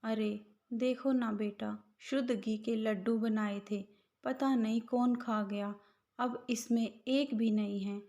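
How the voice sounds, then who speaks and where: A woman's voice: fairly high pitch, fairly even intonation, slow, mellow. A woman voicing a bossy, sarcastic older mother-in-law in a storybook tale, on a slightly dull recording. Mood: scolding.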